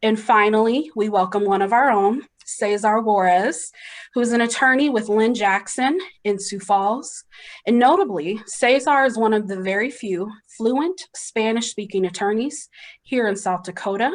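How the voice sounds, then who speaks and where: A woman's voice: mid-range voice, moderate pace. A woman opens a webinar as moderator, reading out welcomes and panelist introductions in an upbeat, polished way. She speaks through a video call mic.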